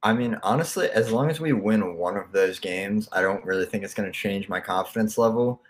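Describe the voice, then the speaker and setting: A man co-hosting a casual sports podcast, giving steady, opinionated takes as he thinks aloud. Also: lowish voice, a little fast. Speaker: podcast co-host.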